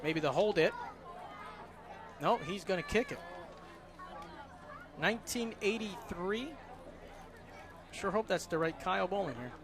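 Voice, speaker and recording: A man calling play-by-play for a local alumni football game, chatty and lively on big plays. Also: high voice, measured pace, long pauses, a crowd in the background. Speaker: play-by-play announcer. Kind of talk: live local football commentary. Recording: noisy outdoor broadcast.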